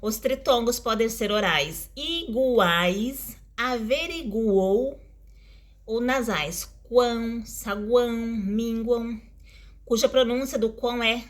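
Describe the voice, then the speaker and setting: A woman's voice: fairly high pitch, measured pace. A woman teaching a lesson in a casual, explanatory way, stretching out example words and adding tag questions.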